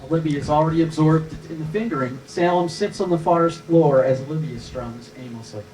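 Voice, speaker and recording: At a live table read, a man reads screenplay stage directions as scripted narration in a slightly high, slightly mellow voice, moving a little fast. A distant microphone picks him up.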